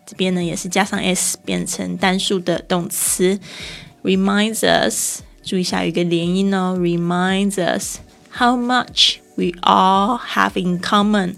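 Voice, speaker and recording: Woman slowly spelling out English words. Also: on the low side, creaky. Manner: spells words letter by letter, slows down for English phrases. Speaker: English teacher. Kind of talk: explaining English vocabulary.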